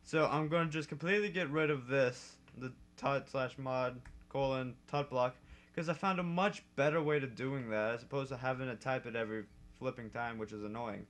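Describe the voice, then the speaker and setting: A man's voice: mid-range voice, moderate pace, a bit bright. A young man hosting a casual coding tutorial, chatty and correcting himself as he goes, with typing behind him. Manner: chatty and self-correcting, laughs at own slips. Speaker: modding tutorial host. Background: keyboard typing.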